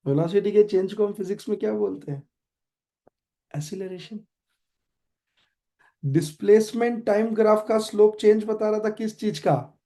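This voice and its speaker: Indian man teaching physics, mellow voice. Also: high-pitched, steady tone, normal speed, long pauses. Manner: quizzing students, mixing Hindi and English. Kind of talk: online class lecture.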